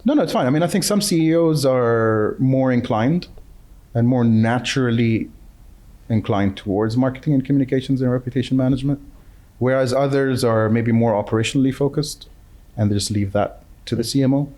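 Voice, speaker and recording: A middle-aged man from the UAE, a marketing chief and interview guest, talking in a measured, earnest way with some fillers. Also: medium pitch, a little mellow. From UAE (Dubai). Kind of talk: candid conversational interview.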